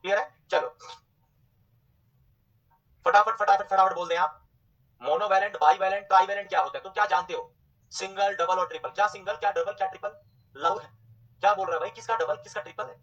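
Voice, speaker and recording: A man teaching a nursing exam class, repeating terms slowly and quizzing his students. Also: high voice, fairly bright tone, distant mic, lo-fi sound. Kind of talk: online exam coaching lecture.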